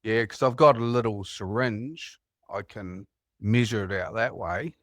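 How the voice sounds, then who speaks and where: Casual caller: low-voiced New Zealand man, rambling storyteller, dry sound. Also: unhurried, fairly bright tone, no echo. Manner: rambling, anecdotal storytelling with laughs. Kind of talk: casual phone chat.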